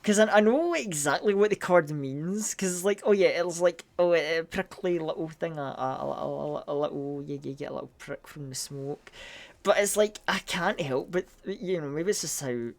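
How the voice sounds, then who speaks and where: At normal speed, a Scottish streamer keeps up loose, swear-filled commentary on a live game. His voice is middling in pitch and excitable, with words stumbling and doubling up as his thoughts spill out.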